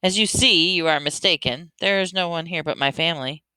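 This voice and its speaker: A woman voicing a calm, guarded father in a storybook reading. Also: fairly high pitch, brisk, clean tone, no echo, poor audio. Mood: firm. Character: calm, steady father protecting his family.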